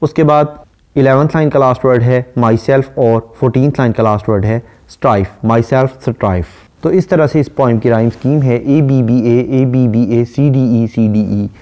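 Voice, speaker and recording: A man giving a literature lecture, reading English verse lines slowly and explaining each one in Hindi-Urdu. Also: mid-range voice, warm tone. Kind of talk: recorded lecture.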